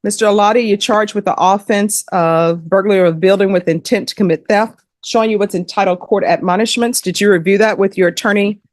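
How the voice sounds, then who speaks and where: A woman judge in a courtroom, reading legal admonishments and sentences in a measured, formal way. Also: medium pitch, fairly even intonation, darkish tone, dry recording, clean studio sound.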